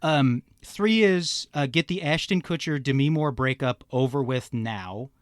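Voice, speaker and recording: A man's voice: medium pitch, unhurried, no room sound, studio quality. A man hosting a casual comedy podcast, ranting in a sarcastic and profane way. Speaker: podcast host.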